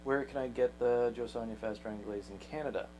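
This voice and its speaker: A man's voice: medium pitch, a little fast, a little mellow, highs cut off, slight background noise. A man with a dry, joking manner, co-hosting and reading out viewer questions.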